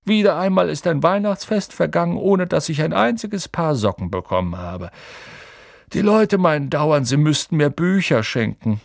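A man voicing a kindly, wise old male wizard who speaks softly and unhurriedly, often close to a whisper, in a storybook reading. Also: a little high, animated, moderate pace, creaky, dry recording, voice pushed up. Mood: gentle.

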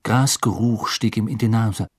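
A male audiobook narrator tells a fantasy story in a calm, measured voice. His tone is slightly husky. The recording is dry and close. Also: fairly low pitch, no echo.

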